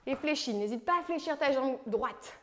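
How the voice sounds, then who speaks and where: A high-voiced woman from France leads a home leg workout as a fitness coach. She calls out moves, counts down reps and keeps the session light with playful encouragement. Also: expressive, moderate pace. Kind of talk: guided home workout instruction.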